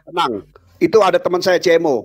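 A man debating heatedly on a video call, shouting and repeating himself over the other speakers. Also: high-pitched, fairly even intonation, quick pace, husky.

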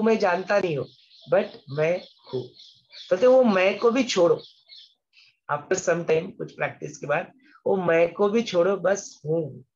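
Man, spiritual teacher, unhurried delivery, repeats key words, muffled lo-fi recording. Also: fairly high pitch. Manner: patient, repeats words, mixes English into Hindi. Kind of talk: explanatory scripture lesson.

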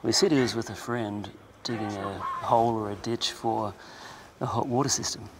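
Low gravelly guy asking interview questions calmly. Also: moderate pace, noisy background. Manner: calm, probing questions.

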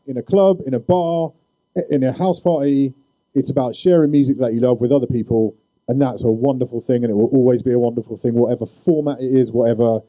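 A man's voice: medium pitch, dark tone, rough recording. A man speaking as a DJ on a live panel, enthusiastic and gushing. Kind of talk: panel discussion.

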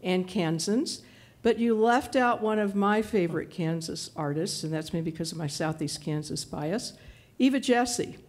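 A woman's voice: lowish voice, normal speed, few pauses, darkish tone. A woman in the audience at a public talk, asking a question and giving enthusiastic, informative detail. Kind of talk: question from the floor. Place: event hall with audience.

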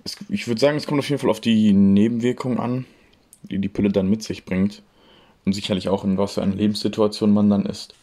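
A man with a fairly low voice gives short, casual interview answers. He weighs his words and pauses now and then. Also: steady tone, dark tone. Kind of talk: vox-pop answers.

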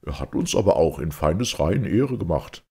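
A seasoned field commander speaking with calm, reassuring authority, his voice deep and gravelly yet lifted slightly above the narration. A man plays him while reading aloud. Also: fairly quick, heavily acted. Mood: fatherly. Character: veteran male commander, warm and fatherly.

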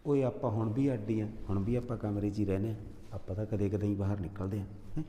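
Guy playing a young husband calming everyone down, lowish quick voice, roomy echo. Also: close to an everyday voice. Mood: coaxing. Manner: coaxing, soothing, pleading. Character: young husband, placating, caught between wife and mother. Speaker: husband and son.

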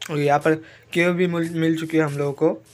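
A man's voice: fairly high pitch, flat delivery, a little fast. A young man with a sore throat from a cold, giving casual gameplay commentary and mixing English phrases into his talk. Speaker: gaming YouTuber.

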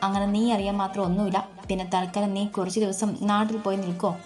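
A woman's voice: medium pitch, level tone, fast talker, a little mellow, faint music behind, close to an everyday voice. A woman voicing a young husband weighed down by debts, speaking in a hesitant, evasive way. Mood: strained.

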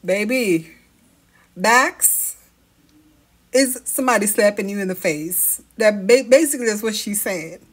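A woman's voice: medium pitch, expressive, fairly quick, few pauses, husky. A Jamaican woman giving chatty reaction commentary on a video, teasing and slipping into patois. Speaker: reaction vlogger.

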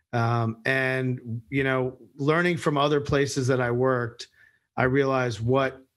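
A middle-aged man answers interview questions in a mid-range voice, steady and explanatory. He talks like an executive, often pausing on fillers and restarting his sentences. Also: medium pitch. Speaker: guest, agency chief executive.

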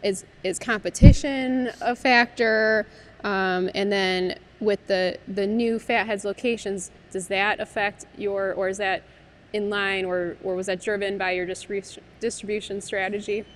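A woman's voice: mid-range voice, fairly even intonation, a little slow. A woman in her thirties interviewing a brewery guest in a barrel room, asking chatty questions with fillers. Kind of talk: business interview.

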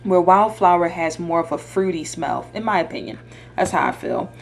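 Recorded at arm's length on a handheld camera in a home kitchen, with noise in the background, a young female vlogger chats informally for a casual food vlog. Her voice is on the low side at a moderate pace, and she thinks out loud using slangy speech.

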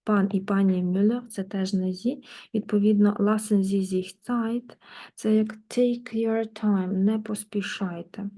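A woman teaching German in a lesson, patiently working through exercises and repeating words slowly. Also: medium pitch, fairly even intonation, dark tone. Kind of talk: online language lesson, explaining in Ukrainian.

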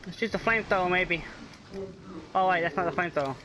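Excitable high-voiced man playing a game. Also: fast talker, background noise. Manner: excitable, cursing, yelling at enemies. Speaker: gameplay commentator. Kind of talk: let's play commentary.

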